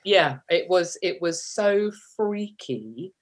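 A woman's voice: fairly low pitch, animated, slow pace. A woman, a guest telling personal stories in a chatty, self-mocking way and laughing often. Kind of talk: candid personal storytelling.

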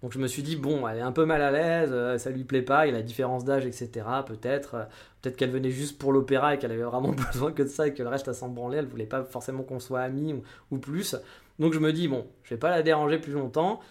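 Fast-talking man telling dating stories. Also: medium pitch, steady tone. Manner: chatty, frank, many fillers and restarts. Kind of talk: casual storytelling monologue.

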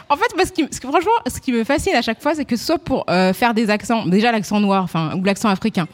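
A woman's voice: a little high, animated, fast. A woman co-hosting a casual commentary chat, talking animatedly with frequent fillers and restarts. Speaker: co-host.

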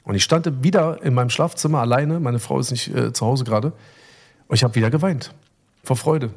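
A man's voice: medium pitch, brisk, darkish tone. A middle-aged man telling a story in casual chat, rambling and emotional, with many fillers and restarts. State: recovering from illness. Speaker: podcast co-host.

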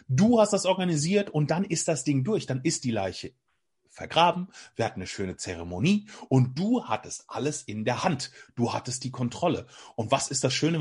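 Husky-voiced man, energetic storyteller. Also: on the high side. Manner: energetic, vivid storytelling with frequent restarts and acted-out examples. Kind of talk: conversational explanation in an interview.

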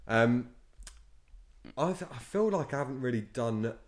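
A man's voice: medium pitch, expressive, measured pace. A man co-hosting a casual podcast, blunt and dismissive, swearing a lot as he talks. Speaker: podcast co-host. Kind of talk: casual chat.

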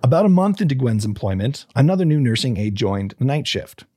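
Relating a true crime case on his podcast, a man reads from notes, trips over words and starts again, and drifts into loose asides. His voice is husky, slightly breathy and warm, mid-range with big pitch swings and a slightly fast delivery, recorded close and dry with no echo.

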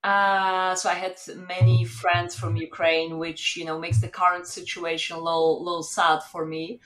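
A woman in her thirties from Poland, a startup founder guest speaking English with many pauses and fillers. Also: lowish voice, flat delivery, fairly bright tone. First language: Polish. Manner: hesitant, many fillers and restarts. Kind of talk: casual interview chat.

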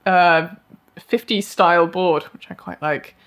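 A woman's voice: on the low side, steady tone, measured pace. Chatty woman, rambling asides. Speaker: podcast co-host. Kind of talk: casual chat. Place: live event venue.

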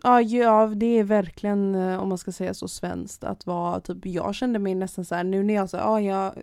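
A woman's voice: medium pitch, steady tone, a little mellow, no room sound, clean studio sound. Chatty Swedish-speaking woman on a call. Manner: chatty, hesitant, many fillers and restarts. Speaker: podcast co-host. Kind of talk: casual chat. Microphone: remote call with a poor connection.

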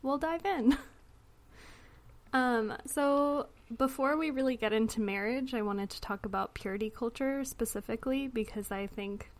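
A woman's voice: fairly high pitch, normal speed. Chatty, laughing woman podcast host. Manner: chatty, laughs often, many fillers. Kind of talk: casual podcast chat.

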